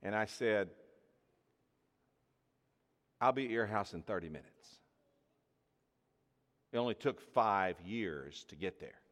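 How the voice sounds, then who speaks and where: A male pastor with a fairly low voice preaches slowly to a congregation in a church hall, pausing often. He tells a personal story as an animated storyteller, acting out the voices of its dialogue, with long hall reverb on the recording.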